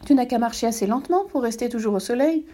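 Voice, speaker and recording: A woman's voice: fairly high pitch, quick pace, mellow, pitched above the performer's own voice, natural voice. A woman doing a curious little boy prince. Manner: earnest, wondering questions.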